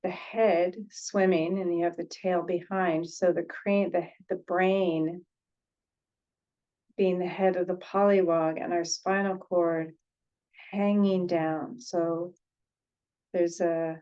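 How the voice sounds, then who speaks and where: A woman leads a meditation, her voice lowish, mellow and soft around the edges. She talks very slowly and gently with frequent pauses, repeating phrases, in a level tone. The recording sounds slightly dull and lo-fi.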